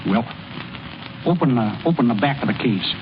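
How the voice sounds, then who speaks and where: In a muffled, noisy old radio broadcast, a man with a medium-pitched, expressive, natural voice plays a plainspoken small-town American ballplayer and delivery man, in the style of 1930s-40s radio acting. He talks in a folksy, slangy way and sounds shy and miserable, his speech turning halting when the shyness takes over.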